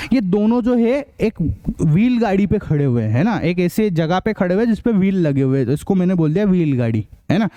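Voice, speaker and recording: A man's voice: high-pitched, mellow. A male science teacher giving a video lesson. He asks his own questions, answers them, and keeps checking understanding with "ठीक है?". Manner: repeats key words as questions and answers them himself. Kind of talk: classroom-style video lesson.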